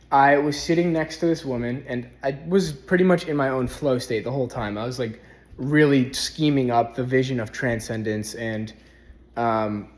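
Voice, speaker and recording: A young man speaks in a relaxed, meandering way, stringing thoughts together with lots of "like" and "um". He talks casually to camera for his spiritual vlog from a rented house, his voice at an everyday middle pitch. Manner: relaxed, rambling, heavy use of "like". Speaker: spiritual vlogger.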